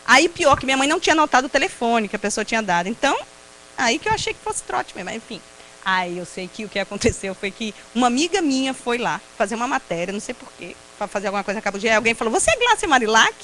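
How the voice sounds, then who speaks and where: Lively, fast-talking Brazilian woman storyteller. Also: on the high side, slight background noise, poor audio. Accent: Brazilian Portuguese. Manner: lively storyteller who laughs often and acts out quotes. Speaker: invited speaker at a prayer group. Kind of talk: personal testimony talk.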